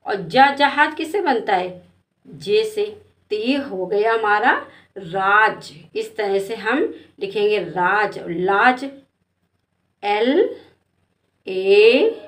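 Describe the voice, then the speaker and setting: A woman's voice: mid-range voice, a bit bright. A woman teacher giving a spelling lesson to children, asking questions and spelling out letters patiently.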